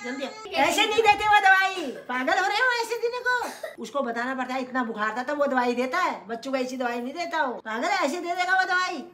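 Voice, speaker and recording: A woman's voice: high voice, animated, fairly quick, sharp tone. A woman, a mother, coaxing and scolding her child at home in casual talk. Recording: voices chattering behind.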